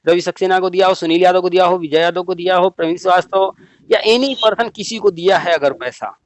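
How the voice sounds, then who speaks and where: Emphatic higher-voiced man urging listeners. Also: fairly quick, noisy background. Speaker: channel host. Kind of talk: phone call chat.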